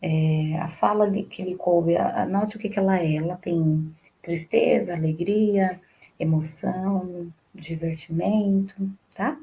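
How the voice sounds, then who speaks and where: Woman teacher, dark mellow voice. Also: fairly low pitch, fairly even intonation, takes it slowly, rough recording. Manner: frequent checks like "tá bom?" and "né?"; explains step by step, repeating phrases. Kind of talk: remote class lesson.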